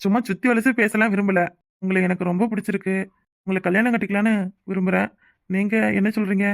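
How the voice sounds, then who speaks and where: A woman's voice: mid-range voice, fairly even intonation, quick pace, close to an everyday voice. A woman voicing a teasing, persistent village bachelor in a cartoon, with a southern Tamil accent. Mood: wooing. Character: cheeky balding village bachelor, teasing suitor. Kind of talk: cartoon voice acting.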